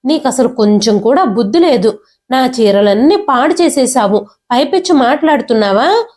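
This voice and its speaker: A woman's voice: high voice, lively intonation, moderate pace, darkish tone. Woman voicing a furious, scolding sister-in-law. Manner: harsh scolding. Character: angry domineering young wife, sister-in-law.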